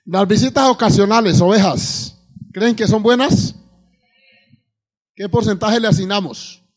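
A man's voice: high-pitched, measured pace, soft background music. A man with a Colombian accent preaching to his congregation as a pastor in church, calling out amens and asking them questions, often repeating words as he searches for the next one. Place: church before a live congregation.

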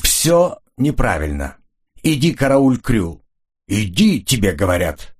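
A man doing a smooth English negotiator. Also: fairly low pitch, big pitch swings, slow pace, full character voice. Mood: commanding.

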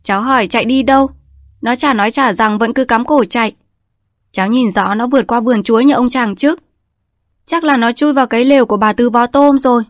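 A woman voicing a clever, kind-hearted young village girl who speaks earnestly and quickly. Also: on the high side, no echo, clean studio sound, voice pushed up, close to an everyday voice.

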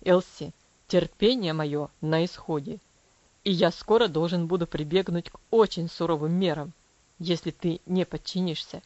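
A woman voicing a strict, cold father who speaks in a low, commanding, measured voice in an audiobook. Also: a little mellow, no room sound, highs cut off, lightly acted. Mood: stern, cold. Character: stern cold father, strict then tender.

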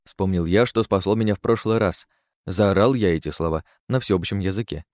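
Man, low pitch, dry recording, sardonic, first-person audiobook narration. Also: a little fast, darkish tone, no echo. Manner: sardonic and crude.

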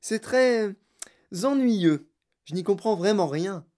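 A woman's voice: medium pitch, expressive, slow pace, warm tone, pitched above the performer's own voice. A woman voicing a fretful, eccentric candy maker who pleads and sighs, in a storybook reading. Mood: rueful. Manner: anxious, pleading, then sighing sadly.

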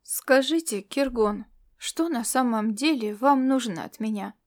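Fields: Figure: a woman reading a gruff Earthman hero. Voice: low, slow. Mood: wary. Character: stubborn male hero from Earth.

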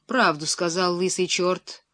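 A woman reading the lines of an imperious, hot-tempered prince who shouts commands in a booming voice. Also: fairly even intonation, unhurried, no echo, clean studio sound. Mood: gruff.

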